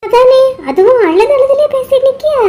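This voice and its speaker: A woman voicing a blunt, sharp-tongued village woman in a cartoon, with a Kanyakumari Tamil accent and blunt, scolding retorts. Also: extremely high pitch, brisk. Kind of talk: cartoon voice acting.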